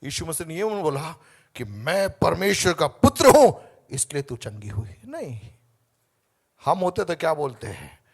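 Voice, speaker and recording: A man preaching a fervent sermon as pastor, moving from quiet asides to loud calls for the congregation to answer back. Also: on the high side, sing-song, normal speed, slightly rough. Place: church hall.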